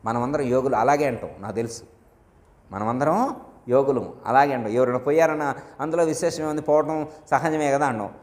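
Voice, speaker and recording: A man's voice: medium pitch, fairly quick, a little mellow. A man, a guru, giving a devotional discourse to his disciples, telling stories and asking his listeners questions. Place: ashram hall. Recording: long hall reverb.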